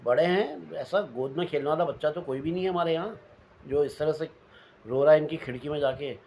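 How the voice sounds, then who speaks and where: A man's voice: fairly high pitch, fairly quick, darkish tone, close to an everyday voice. A man quoting a worried middle-aged night watchman in a plain explaining voice, within a spoken ghost story. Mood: uneasy.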